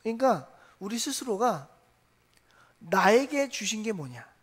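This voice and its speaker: A pastor delivers a Sunday morning sermon from the pulpit of a church sanctuary. The preaching leans on steady repetition, restating each point in near-identical phrasing. Rhetorical questions are thrown to the congregation and then answered in the same breath, at a middling pitch. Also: takes it slowly, slightly rough.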